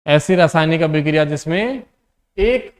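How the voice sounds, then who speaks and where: A man with a Rajasthani Hindi accent teaches a classroom lesson, dictating definitions slowly. He keeps firing questions at the students, calls them "beta" and answers his own questions. His voice sits somewhat high for a man. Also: animated.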